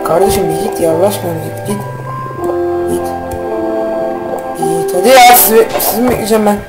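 A man giving casual, rambling let's-play commentary as a gaming YouTuber, slangy and quick to get irritated, with faint game music behind him. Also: high voice, low-quality recording.

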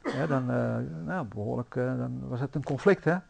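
A man preaching a sermon in a church, telling stories in a lively, anecdotal way with frequent fillers. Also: mid-range voice, normal speed, creaky. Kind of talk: sermon storytelling.

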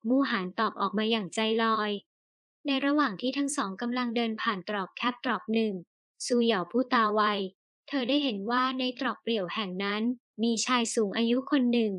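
A woman narrates a novel for an audiobook, reading in a steady storytelling way. Her voice sits a little high, and the recording is dry and close with no room sound. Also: fairly quick, no room sound, muffled recording.

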